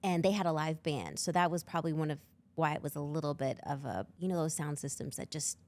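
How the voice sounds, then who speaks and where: Lively low-voiced woman guest telling stories. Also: fast. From Canada. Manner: animated storyteller, acts out quoted people. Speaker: guest musician. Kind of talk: reflective interview conversation.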